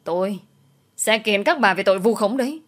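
A woman's voice: mid-range voice, animated, normal speed, fairly bright tone. A woman voicing an angry young father defending his wife and son. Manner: stern demands.

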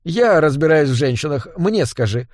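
Brief: a man reading as a prim elf, lively pitch, sniffy, dry sound. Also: normal speed, no room sound, natural voice. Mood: disapproving. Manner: prim and disapproving. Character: fussy, prim male elf, disapproving. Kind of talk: audiobook character voice.

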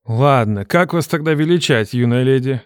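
A cocky young lifeguard with a low, rough-edged voice, as a woman narrator puts him on, drawling mockery at a frightened girl in an audiobook. He sounds teasing and condescending, and the voice is close and dry. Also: expressive, normal speed, darkish tone, no echo. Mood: smug teasing. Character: mocking, brash young male lifeguard.

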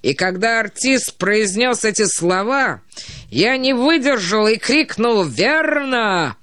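A woman reads as a drunk young officer, loud and emphatic, his words slurring as he boasts. The storybook reading is dry and close. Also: fairly high pitch, lively intonation, unhurried, no echo. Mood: drunken boasting.

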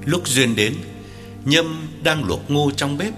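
A man narrating an audiobook in scripted narration with an expressive delivery. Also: on the high side, slow, music in the background.

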